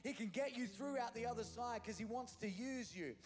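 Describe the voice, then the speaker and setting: A man, a pastor delivering an impassioned sermon that moves between loud declarations and hushed asides. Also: very high-pitched, fairly quick, in a large hall. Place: church hall, livestreamed service.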